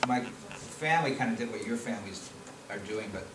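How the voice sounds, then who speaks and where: Speaking at a normal speed in a low-ish, expressive voice, a middle-aged Chicago-area man presents slides on policy research in a conference meeting room. His delivery is conversational, with frequent restarts and repeated words. The audio is distant, echoey, and noisy.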